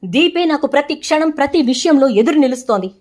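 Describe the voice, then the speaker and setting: A woman's voice: high-pitched, lively intonation, brisk, darkish tone. A woman doing a scheming young villainess. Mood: defiant. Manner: bitter, possessive, defiant.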